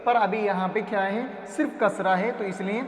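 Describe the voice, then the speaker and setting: A man with a very high voice teaches Quran reading, drilling syllables one by one and answering his own questions. He drags out the long vowels slowly and patiently. The sound rings with long echo, like a big hall. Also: fairly even intonation. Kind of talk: patient step-by-step phonics lesson.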